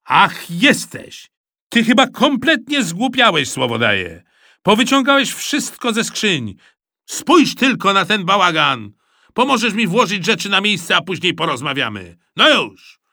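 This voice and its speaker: A man's voice: mid-range voice, expressive, normal speed, bright, forceful tone, dry recording, clean studio sound, pitched above the performer's own voice. A man voicing a harried, exasperated father scolding his son and then sighing with tired resignation. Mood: angry.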